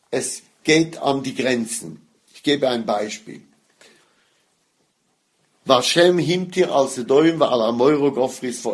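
Man, gravelly mid-pitch voice, lecturing on Torah, leans on key Hebrew words. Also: a little mellow. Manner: explanatory, stresses Hebrew words, mixes Hebrew and Yiddish terms. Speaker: rabbi teaching Torah.

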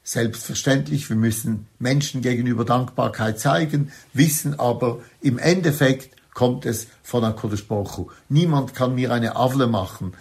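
A man teaching a religious lecture, stressing key words by slowing down and repeating phrases. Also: mid-range voice, vocal fry, darkish tone.

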